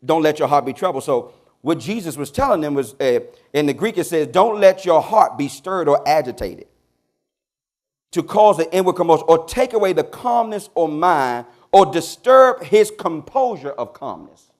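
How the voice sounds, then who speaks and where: A pastor delivers a call-and-response sermon in a church. His voice sits high and swoops animatedly from line to line. He moves between loud, emphatic questions to the congregation and quiet, low asides. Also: sing-song, moderate pace.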